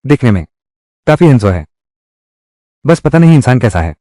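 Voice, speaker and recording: A defiant young village wife who answers her in-laws with a mocking tone, dubbed by a man. The voice moves lively up and down in dubbed drama dialogue. It sounds dry and close, with no room around it. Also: medium pitch, moderate pace, no echo, natural voice. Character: fierce young village wife fighting back.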